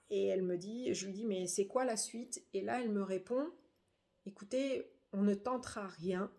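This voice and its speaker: A middle-aged woman giving a grieving personal testimony, halting and subdued, with frequent hesitations. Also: medium pitch, a little mellow. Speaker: bereaved daughter.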